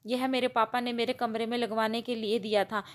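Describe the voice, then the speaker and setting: A woman's voice: fairly high pitch, flat delivery, brisk, lightly acted. A woman voicing a spoiled, haughty young bride who complains and scolds in a bossy way. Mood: angry.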